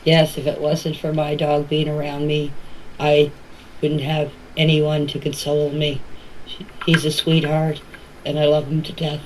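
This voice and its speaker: Recorded on a phone in noisy clips, an older woman leaves informal voice messages for a group chat in a deep, monotone, slightly mellow voice. She is unhurried but earnest and forceful, repeating herself frequently for emphasis.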